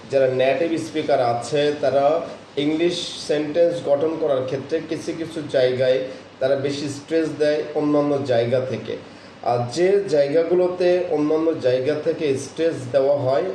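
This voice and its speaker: A man teaching English pronunciation in a lecture-style lesson. He explains patiently and repeats example words slowly with stretched stress. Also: on the high side, dark tone, echoey room, slight background noise, low-quality recording.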